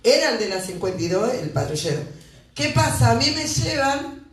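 A woman's voice: a little high, very animated, moderate pace. A middle-aged woman with a Buenos Aires accent giving emotional personal testimony at a press conference, full of rhetorical questions. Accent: Buenos Aires Spanish. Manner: impassioned, with repeated rhetorical questions. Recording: echoey room, mic far off.

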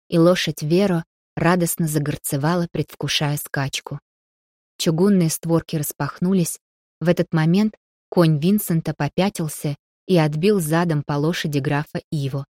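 A woman reads a novel aloud in a measured storytelling manner. Her voice sits low with a dark, mellow color. The recording is close and dry. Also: no echo. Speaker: audiobook narrator. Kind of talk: scripted narration.

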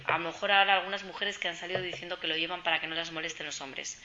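A woman's voice: lowish voice, fairly even intonation, very fast, pushed and bright, lo-fi sound, a little hiss or hum. A woman journalist from Spain giving an informal talk, chatty and storytelling, acting out the voices in her anecdotes. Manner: chatty, storytelling, acts out quoted dialogue. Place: social centre meeting room.

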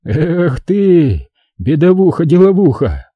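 A man's voice: a little high, very animated, slow pace, slightly rough, no room sound, narrow, tinny audio, pitched above the performer's own voice, full character voice. A man reading an audiobook, voicing a tender, teasing grown man who talks in fatherly banter.

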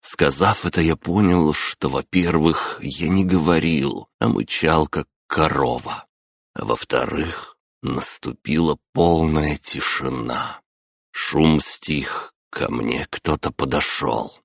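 A man reading a first-person fantasy audiobook in a grave, measured storytelling manner. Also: rumbling low, creaky, slightly rough, dry recording, clean studio sound. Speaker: audiobook narrator.

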